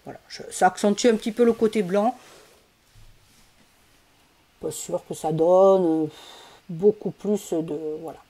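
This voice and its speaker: A female host leads a casual, step-by-step craft tutorial, chatty but hesitant, with frequent fillers and self-corrections. Her voice is fairly low and dark, a little slow with many pauses, heard through a close desk mic.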